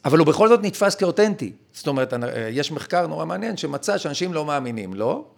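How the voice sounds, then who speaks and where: A man's voice: on the high side, very animated, vocal fry. A male podcast guest explaining his ideas in an emphatic, lecturing way. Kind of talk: conversational explanation.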